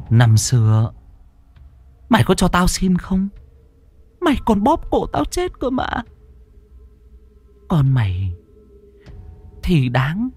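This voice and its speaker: A man's voice: high voice, voice pushed up, heavily acted. A man voicing a cruel, mocking female ghost who snarls and taunts in a storybook horror tale. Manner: snarling, taunting, breathy cackles.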